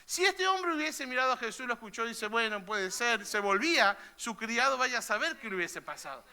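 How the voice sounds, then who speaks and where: A man's voice: very high voice, sing-song, a little fast, creaky, pushed and bright. A man preaching a sermon as pastor, chatty and conversational, often tagging his sentences with a questioning "eh?". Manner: conversational preaching, frequent "¿eh?" tags. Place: church hall.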